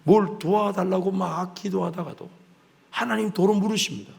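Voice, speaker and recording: A man with a Gyeongsang accent preaching a revival sermon as guest pastor. He moves between hushed, near-whispered passages and loud, animated storytelling. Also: high voice, moderate pace, vocal fry. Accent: Gyeongsang Korean. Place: church sanctuary. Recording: reverberant church sanctuary.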